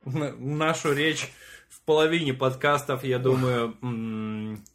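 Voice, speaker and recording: A man co-hosting a podcast, talking casually in halting phrases with repeated words. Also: mid-range voice, fairly even intonation, fairly bright tone. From immigrant to Canada. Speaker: podcast co-host. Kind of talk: casual chat.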